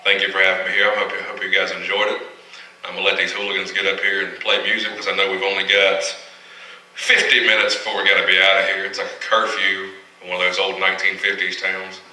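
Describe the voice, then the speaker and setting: A man in his thirties doing loose, profane live stand-up comedy on a small arts center stage, breaking into loud shouted punchlines. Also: low voice, monotone, quick pace. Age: 30s. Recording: roomy live hall, mic off at a distance.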